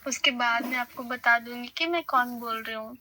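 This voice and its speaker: A woman's voice: on the high side, moderate pace, pushed and bright, slight background noise. A woman's voice run through a voice changer, coaxing and flirty on a prank phone call. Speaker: prank caller.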